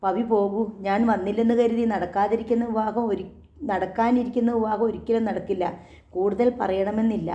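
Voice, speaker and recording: A curt, commanding older woman who runs her shop with a hard hand, as a woman reader puts her on. Her voice is mellow and dark in tone. The recording sounds dull and lo-fi. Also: medium pitch, steady tone, brisk, echoey room, natural voice. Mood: stern. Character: stern aloof older woman shop owner. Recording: dull lo-fi audio.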